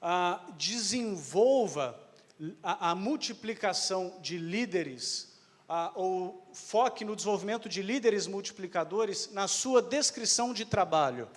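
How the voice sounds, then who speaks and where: A man's voice: high-pitched, expressive, unhurried. A man interpreting a sermon live, hesitant, with fillers and self-corrections. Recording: echoey hall with long reverb.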